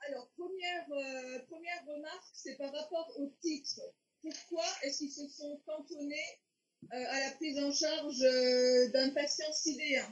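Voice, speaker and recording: High-voiced woman expert on a distant call. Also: fairly even intonation, unhurried. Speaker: expert reviewer. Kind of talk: spoken critique on a call. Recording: distant, dull, echoey call audio.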